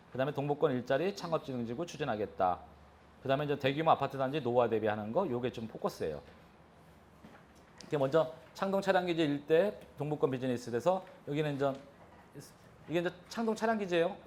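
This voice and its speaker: A man's voice: on the high side, animated, fast talker, slight background noise. A man giving a live real estate lecture, talking animatedly and throwing questions at his audience.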